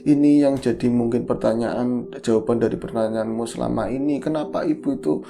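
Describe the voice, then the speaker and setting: A man, hosting a podcast and telling a story in casual chat, animated and acting out the characters. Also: medium pitch, brisk, gravelly. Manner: animated, acts out characters in quotes.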